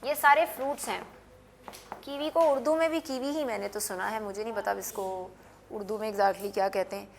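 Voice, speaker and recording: A woman teaching English words in a television lesson, patiently repeating and spelling each word slowly for learners to copy. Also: mid-range voice, gravelly, background noise. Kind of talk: classroom lesson with repetition drills.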